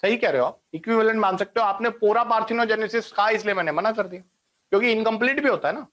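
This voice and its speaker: A man with a fairly high voice teaches biology in an online class. He explains step by step, drops in English science terms and keeps asking students if they are following. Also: quick pace, a bit bright.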